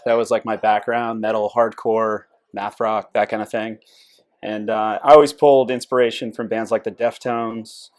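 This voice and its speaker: A man's voice: fairly low pitch, flat delivery, normal speed. A man from Connecticut, a drummer, answering interview questions in an easygoing, conversational way.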